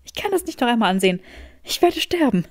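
A woman's voice: a little high, big pitch swings, fast, dry recording, studio quality. A woman voicing a flustered, embarrassed young woman in an audiobook, with breathless outbursts. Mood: mortified.

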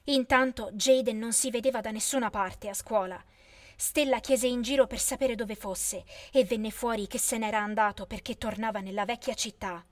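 High-voiced woman narrating a teen story. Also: steady tone, normal speed, no room sound. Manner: first-person, emotional storytelling.

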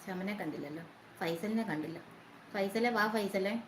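A woman's voice: medium pitch, moderate pace. A woman hosting a casual live stream, chatting and greeting her viewers by name one after another. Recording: roomy echo, faint noise.

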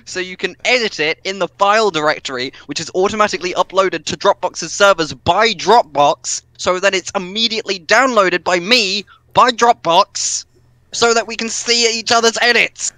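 Young male gamer host, bright tone, excitable banter, heavy swearing. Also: high-pitched, normal speed, no room sound. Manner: excitable, swears and laughs a lot. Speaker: gaming channel host. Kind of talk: casual gaming banter.

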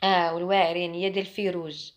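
A woman's voice: on the low side, little pitch movement, rapid-fire, slight background noise. A young woman with a Moroccan Arabic accent giving a chatty, emphatic French lesson to camera. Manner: chatty and emphatic, mimics others mockingly. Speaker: French teacher.

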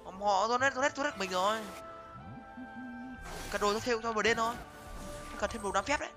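A young man giving excited live commentary on his game, talking to viewers and repeating words in quick bursts. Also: high voice. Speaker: game streamer. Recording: music playing behind voice.

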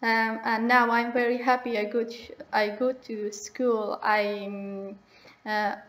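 A teenage girl from Afghanistan, speaking English haltingly and pausing often to search for words. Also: on the high side, flat delivery, fairly bright tone, reverberant, low-quality recording. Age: teens. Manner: hesitant, searching for words, many pauses. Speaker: young migrant speaking about herself. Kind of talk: halting personal monologue in a second language.

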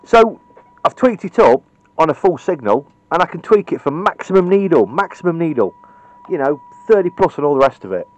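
A British man presents a radio repair tutorial from a cluttered indoor electronics workbench, speaking bluntly and informally with strong opinions as he works hands-on. His slightly high voice is sing-song and a little fast. The camera's built-in mic gives it a lo-fi sound.

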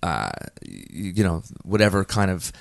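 Very low-voiced man telling stories. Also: normal speed, gravelly, no echo, clean studio sound. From United States. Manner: animated, many fillers and restarts. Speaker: guest, performer and host. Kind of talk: casual interview storytelling.

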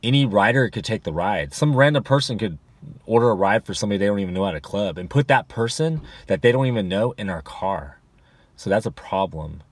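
A man's voice: on the low side, expressive, fairly quick, no room sound. A man in his forties, a rideshare driver, giving casual advice to a dashboard camera in his car, rambling with many fillers and restarts. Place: inside a parked car.

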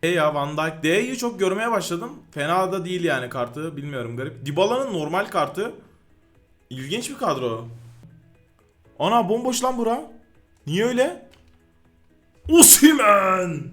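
A man giving live commentary over his own football video game match, excitable and quick to yell in frustration at the game. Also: high-pitched, soft background music. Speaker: gaming YouTuber.

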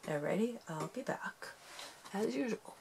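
Unhurried woman demonstrating a craft. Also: mid-range voice, expressive, gravelly, noisy background. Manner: chatty, self-deprecating, talks while working. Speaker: craft tutorial host. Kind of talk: casual step-by-step tutorial.

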